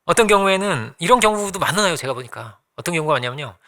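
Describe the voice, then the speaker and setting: A man's voice: a little high, animated, fast, sharp tone. A middle-aged male pastor preaching a sermon in church, telling family stories and acting out the quotes with laughs. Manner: storytelling with acted-out quotes and frequent laughs. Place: church sanctuary.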